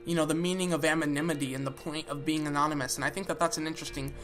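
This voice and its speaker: A young woman hosts a reaction video with casual commentary, blunt and sarcastic and swearing freely. Her deep voice stays steady while she talks rapid-fire over background music.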